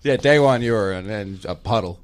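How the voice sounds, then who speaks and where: A man's voice: lowish voice, a little fast. A man in casual banter, teasing and sarcastic with the others.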